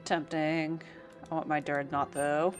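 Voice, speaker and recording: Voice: mid-range voice, little pitch movement, measured pace, music in the background. A streamer chatting casually and sarcastically over gameplay.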